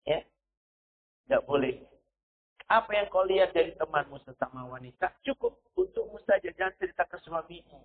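A man's voice: high-pitched, expressive, fast, few pauses. A male preacher giving a sermon, stressing points with a repeated "ya" and quoting Arabic verses. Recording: tinny phone-like recording.

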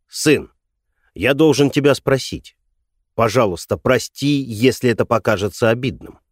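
A man's voice: mid-range voice, moderate pace, no echo, studio quality, lightly acted. A man voicing a troubled middle-aged father who questions his son hesitantly and carefully in an audiobook.

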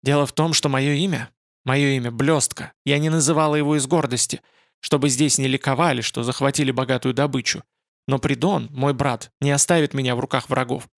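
A man's voice: mid-range voice, fairly even intonation, a little fast, gravelly, no room sound, studio quality, natural voice. A man voicing a fierce young woman captive. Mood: pleading. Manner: urgent, commanding, threatening.

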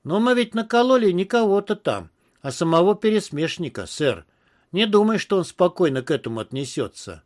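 A man's voice: high voice, big pitch swings, brisk. A man voicing a stooped, nervous young male henchman who mumbles deferentially. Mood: uneasy.

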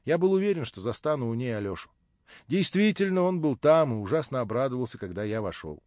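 A man narrating a novel in first person, in a measured, subdued way. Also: mid-range voice, sing-song, darkish tone, dry recording. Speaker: audiobook narrator. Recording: dull, dry lo-fi recording.

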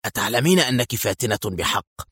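A stern, curt commander of an armed force from an audio thriller, played by the male narrator. He talks in short, clipped replies in a slightly lowered voice. The recording is dry and close-miked. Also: animated, fast talker, fairly bright tone, husky, no room sound.

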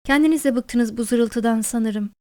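A woman's voice: on the high side, unhurried, dark tone, lightly acted. A woman voicing a bored male doctor who speaks in a drawling, patronizing way.

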